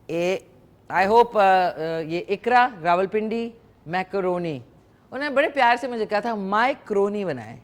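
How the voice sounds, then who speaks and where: With a medium-pitched voice and lively intonation, this morning show host banters with and teases callers on live TV. She also presents a cooking demonstration in the studio kitchen, speaking through a lapel mic.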